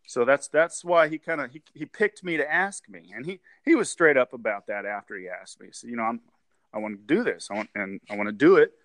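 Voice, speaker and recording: A man's voice: mid-range voice, expressive, a little fast, fairly bright tone, no room sound. A man in his forties, a guest on a casual interview, rambling and repeating words, with frequent laughs. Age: 40s.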